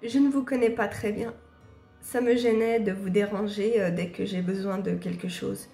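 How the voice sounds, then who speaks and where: A woman's voice: medium pitch, steady tone, normal speed, gravelly, mellow, roomy sound, soft background music, natural voice. A woman with a sore throat reading the hesitant, apologetic lines of a shy young heroine from a game. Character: shy young heroine living among vampires. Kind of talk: reading game dialogue aloud.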